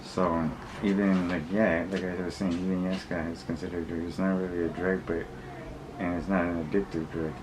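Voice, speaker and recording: There is clear background noise around this man's voice. He has a low, monotone delivery. He rambles through his opinions in blunt street slang, often circling back and repeating himself. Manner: rambling, repetitive, halting, often backtracking. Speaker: vlogger. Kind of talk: casual opinion monologue to viewers. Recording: clearly noisy recording with background ambience.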